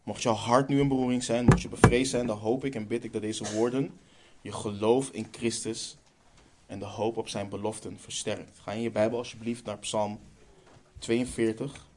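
A man preaching a sermon, earnest and measured, slowing down on key phrases and then reading scripture aloud. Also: lowish voice, steady tone, darkish tone, slight background noise.

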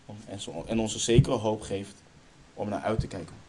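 A man's voice: fairly low pitch, normal speed, heavy background noise. A man preaching a sermon in Dutch churches' style, stressing key lines emphatically, then leading a prayer.

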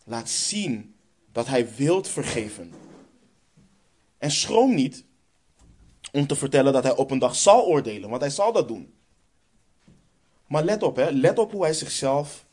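A man's voice: mid-range voice, very animated, unhurried, long pauses, a little mellow. A man with a Dutch accent preaching a sermon, emphatic and stressing points by repeating phrases.

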